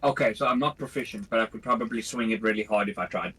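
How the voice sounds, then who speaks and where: A man playing a tabletop game in casual chat, thinking out loud. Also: fairly low pitch, fast talker, husky, low-quality recording. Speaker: player.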